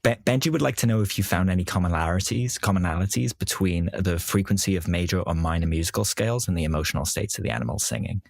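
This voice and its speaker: A man hosts an interview in a very low voice with lots of gravelly fry, reading listener questions aloud between his own reactions. His sound is dry and close. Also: fast, few pauses, no echo. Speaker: podcast host. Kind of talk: conversational interview hosting.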